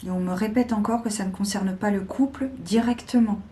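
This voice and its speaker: Slow, mellow-voiced woman reading tarot. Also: medium pitch. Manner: slow, deliberate, with hesitations. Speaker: tarot reader. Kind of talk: weekly tarot guidance.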